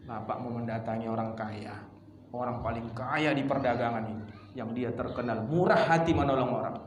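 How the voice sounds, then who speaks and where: Preacher in an echoey mosque hall. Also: male voice, medium pitch, moderate pace. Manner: lively, conversational, acts out little dialogues. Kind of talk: mosque sermon to a congregation. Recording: echoey hall with background noise.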